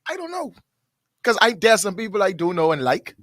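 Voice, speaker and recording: A man's voice: high voice, very animated, brisk, a bit bright, no echo. A man, a pastor co-hosting a radio talk show, chatting casually with a wry, skeptical edge and dry quips. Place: radio studio.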